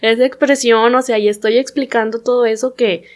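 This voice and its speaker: Animated woman, higher voice. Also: normal speed. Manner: animated storyteller, acts out quoted voices. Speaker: lawyer, podcast guest. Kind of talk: casual conversation.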